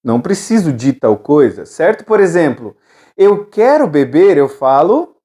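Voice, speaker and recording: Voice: mid-range voice, very animated, unhurried, warm tone. An English teacher giving a recorded lesson, patiently repeating drill phrases and checking in with the students.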